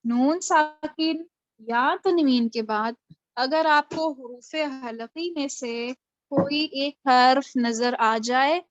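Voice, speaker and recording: A high-pitched woman teaches a Quran recitation class over a video call, in a muffled recording with no echo. She explains patiently, asks her students questions, and praises their answers in this online lesson.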